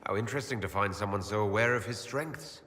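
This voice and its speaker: A man voicing a reserved, inquisitive leader in a video game, asking questions in a measured, courteous way. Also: lowish voice, bright, forceful tone. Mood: dry. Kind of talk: video game character dialogue.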